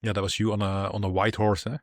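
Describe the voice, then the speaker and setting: A man's voice: fairly low pitch, flat delivery, fast talker, no room sound, studio quality. A man co-hosting a casual tech podcast, explaining things loosely with lots of fillers. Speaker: podcast co-host.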